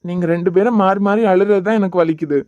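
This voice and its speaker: A performer with a Kanyakumari Tamil accent, lightly acting, voices a gentle yet stubborn young father in a cartoon, soothing others while brushing off his injury. The mood is soothing but hurt, and he dismisses his pain. His medium-pitched voice is quick and dark, on a muffled recording with no echo.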